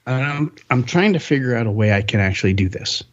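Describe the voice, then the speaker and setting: A man's voice: mid-range voice, expressive, fast. Man, podcast host, casual rambling upbeat delivery, slightly dull lo-fi sound.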